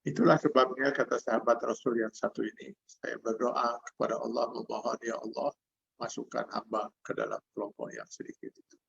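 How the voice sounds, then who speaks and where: Speaking at a fairly quick clip, this older Indonesian-accented Islamic preacher keeps a steady tone in a medium-pitched, creaky voice that is fairly bright and slightly rough. He delivers a sermon by video call, reciting Arabic verses before explaining them, through dull lo-fi audio.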